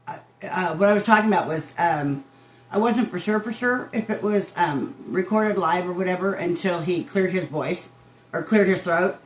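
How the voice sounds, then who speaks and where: A woman's voice: lowish voice, normal speed. An older woman giving a casual reaction commentary, rambling and interrupting herself like a chatty old woman. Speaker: reaction video host. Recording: roomy echo, guitar music behind.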